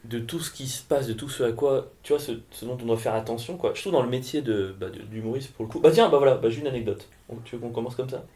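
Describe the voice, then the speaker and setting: A male comedian rattles through a jokey backstage story at a brisk clip, animated and loose. His voice sits at an ordinary middle pitch, chatty and unscripted. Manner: animated, joking, rambling anecdotes. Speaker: comedian and podcast co-host. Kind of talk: casual banter and storytelling.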